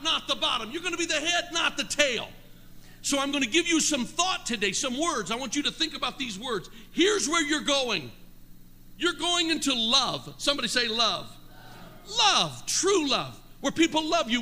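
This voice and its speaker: Speaking in a very high-pitched, sharp voice, an older pastor delivers a sermon before his congregation in the sanctuary. His fervor builds as he asks them for responses, alternating homespun anecdotes with impassioned pleas. There's slight background noise and a long reverb from the hall in this live church recording.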